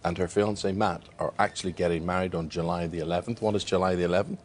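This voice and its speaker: A man presenting a breakfast news show, brisk and bantering with his guest. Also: low voice, steady tone, a little hiss or hum. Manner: brisk, bantering, mock-exasperated.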